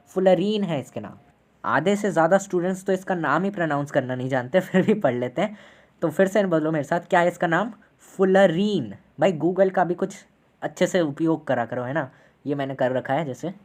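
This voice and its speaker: A man lecturing to students in an online class. His voice is warm and mellow rather than bright. He keeps the explanation chatty and informal, pausing often to check that everyone is keeping up. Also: a little high. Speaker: teacher.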